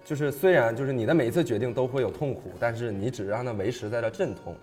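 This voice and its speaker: A man's voice: medium pitch, fast talker, a little mellow, big-room sound, soft background music. A man from Taiwan with a Taiwanese Mandarin accent, teasing and chatting casually on a talk show. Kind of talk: casual chat over a meal.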